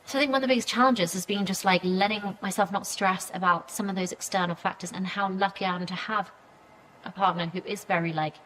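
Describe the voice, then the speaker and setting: A woman in her thirties chats as a guest on an interview podcast, at an ordinary middle pitch. She rambles warmly through fillers and restarts. She also slips into little acted-out quotes of what she and others said. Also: fairly even intonation, quick pace, slight background noise, low-quality recording. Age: 30s. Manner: chatty, many fillers, acts out quoted reactions. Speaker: PR agency founder, podcast guest. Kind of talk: casual interview conversation.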